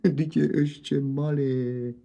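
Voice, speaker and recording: A man voicing a doting, protective village mother with a Hanák dialect, coaxing and gentle. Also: on the high side, fairly even intonation, creaky.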